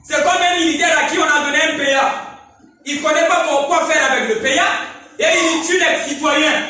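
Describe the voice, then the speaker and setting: A man preaching a sermon as pastor, emphatic and often shouting, regularly asking his listeners whether they are following him. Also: very high voice, steady tone, a little fast. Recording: echoey room, mic far off, faint noise.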